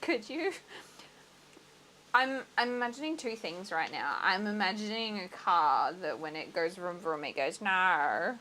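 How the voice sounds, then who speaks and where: A young Australian woman hosts a livestream, chatting casually as she works on a craft project. Her voice sits at an everyday middle pitch, and she laughs easily between thoughts. A faint hiss runs under the recording. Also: expressive, measured pace, sharp tone, low-quality recording. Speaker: livestream host. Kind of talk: casual chat while crafting. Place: home crafting setup.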